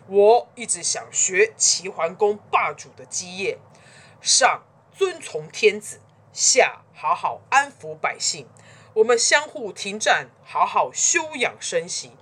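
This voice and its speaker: A stubborn, self-important ancient duke who declaims every line loudly and grandly, as a woman storyteller puts him on. His pitch swings widely as he lectures, in a storybook told to children. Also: very animated, unhurried, slightly rough, full character voice. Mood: proud. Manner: lofty, declaiming, loud.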